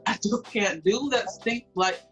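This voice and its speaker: A woman with an American accent in casual, animated, slangy chat, often saying "like". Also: medium pitch, a little slow, faint music behind. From United States, Cambodian family. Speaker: interviewer and social media host.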